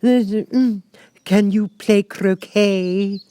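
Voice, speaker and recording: A man voicing a furious, impatient playing-card queen in a shrill, commanding storybook voice. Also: fairly even intonation, extremely slow, warm tone, clean tone, no echo. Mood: imperious, impatient. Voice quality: shrill, screaming.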